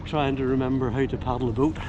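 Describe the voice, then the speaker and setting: A man's voice: mid-range voice, fairly even intonation, quick pace, lo-fi sound. Older Ulster man, noisy outdoor recording. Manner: easygoing, explanatory, with homely dialect words. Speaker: kayaking vlogger. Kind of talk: casual chat to camera while out kayaking. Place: outdoors by a slipway and on the sea in a kayak. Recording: outdoor recording with clear background noise.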